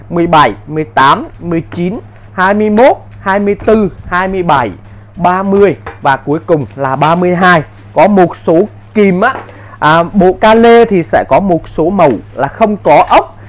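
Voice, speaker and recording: A man giving an insistent hard-sell live sales pitch as a seller, in short, repetitive bursts. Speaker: live-sale seller of power tools.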